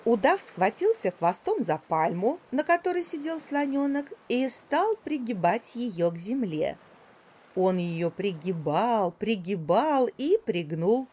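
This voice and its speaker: Woman, storybook narration, calm, even, medium pitch, children's tale. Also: slow pace, husky. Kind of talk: storybook narration read aloud.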